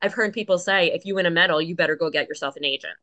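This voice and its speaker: A woman's voice: fairly low pitch, rapid-fire, sharp tone. A woman talking casually as a podcast guest, explaining with lots of fillers and asides. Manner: chatty, many fillers, explains plainly. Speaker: guest, Paralympic coxswain.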